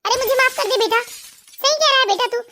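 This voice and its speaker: A scolding old mother-in-law, voiced by a woman for an animated family story. The voice sits very high, and she grumbles and lays blame in a string of complaints. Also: brisk. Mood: remorseful. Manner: scolding, self-pitying complaints. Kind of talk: animated cartoon voice acting.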